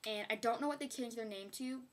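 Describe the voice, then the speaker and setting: A woman's voice: fairly high pitch, a little fast, slight background noise. A young woman chatting casually in a beauty haul video, rambling with giggly asides. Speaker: beauty vlogger.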